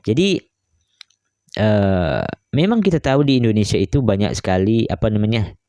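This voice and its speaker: A man talks through a reaction video in a low, warm, relaxed voice. He muses aloud with frequent hesitations and keeps tagging his sentences with "guys, ya." The sound is dry and close. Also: moderate pace, dry recording. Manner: keeps adding "guys, ya" tags and fillers; musing, hesitant. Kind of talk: casual reaction commentary.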